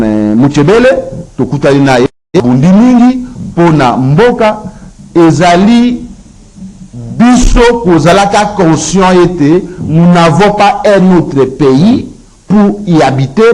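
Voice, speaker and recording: On poor audio, a medium-pitched man with a darkish tone appears as a guest commentator on a political talk show. He's Congolese, mixes Lingala and French freely, and hammers his points home with emphasis and repetition as he lists them.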